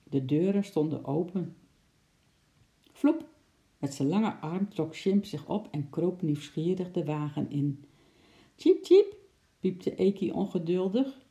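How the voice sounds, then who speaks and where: A woman narrating a children's audiobook in a lively, expressive way, adding playful sound effects. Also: lowish voice, a little slow. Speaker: storyteller.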